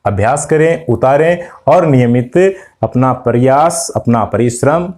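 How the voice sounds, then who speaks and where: Man as a grammar tutor with a warm, mellow tone, patiently walking students through corrections. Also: medium pitch, lively intonation, measured pace. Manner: explains step by step, asks students questions; addresses students directly. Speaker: Hindi grammar teacher. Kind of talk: exam-prep lesson.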